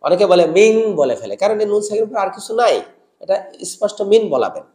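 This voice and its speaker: A man teaching Quran recitation rules to teachers, explaining patiently and drawing out example words in slow chant. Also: high-pitched, very animated, mellow, echoey room. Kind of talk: tajweed lesson for teachers.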